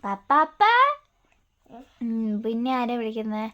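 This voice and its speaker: Young mother, high and unhurried, cooing sing-song baby talk at her toddler for a family vlog. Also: muffled recording.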